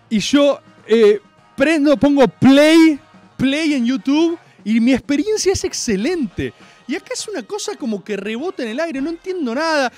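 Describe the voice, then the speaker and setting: A man with an Argentine accent and a strikingly high voice delivers an exasperated comic rant to his viewers. His pitch leaps around constantly as he mocks and mimics the crowd, with faint music behind him. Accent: Argentine Spanish.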